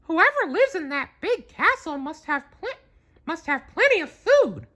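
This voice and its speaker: A man voicing a small, cheerful mouse farmer from a cartoon, in a squeaky falsetto with an earnest, eager manner. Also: sing-song, unhurried, pushed and bright, exaggerated voice. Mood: eager, hopeful.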